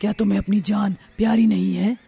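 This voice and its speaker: A spooky cartoon witch, put on by a man speaks in a heavily gravelly, dark and husky voice. She drawls her questions slowly and eerily. Her rasp sits low and croaking behind every word. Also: little pitch movement, heavily acted. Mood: eerie. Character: spooky female witch, helpful but eerie. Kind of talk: cartoon story voice acting.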